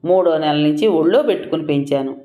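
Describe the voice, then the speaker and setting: A woman's voice: low voice, a little fast, mellow, lightly acted. A storyteller voicing a loving old grandmother who scolds fondly. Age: older. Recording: roomy echoing room.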